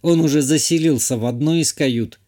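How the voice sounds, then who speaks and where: A man's voice: on the high side, normal speed, warm tone, natural voice. A man voicing a dry, matter-of-fact young baroness in an audiobook. He gives her a wry manner.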